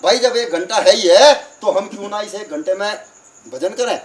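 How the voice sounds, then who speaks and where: A man's voice: high voice, normal speed, close to an everyday voice. A man voicing a friendly, curious young village man in a sermon story, with chatty, pleading village talk. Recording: voice from far off the mic, crickets behind.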